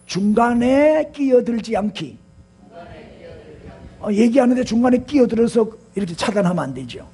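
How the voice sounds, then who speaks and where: Preaching with a very high-pitched, animated voice that's mellow with a breathy edge, an older pastor speaks at normal speed and pauses often. He has a Gyeongsang Korean accent, hailing from that region of South Korea, and he talks with his congregation, poses rhetorical questions, and has them repeat phrases after him.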